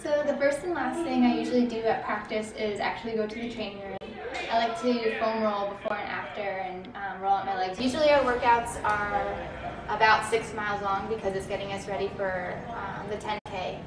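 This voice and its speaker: A woman's voice: medium pitch, fairly even intonation, a little fast, crowd noise, rough recording. A woman of twenty-one, a college runner, speaking in a friendly, upbeat way with a few fillers in a documentary interview.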